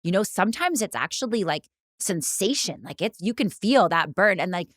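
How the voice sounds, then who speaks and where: A woman who co-founded a fitness studio chats casually and reflectively, her thoughts flowing long and packed with "like" and other fillers. Her mid-range voice swings widely in pitch at a normal speed, and the recording has no room sound.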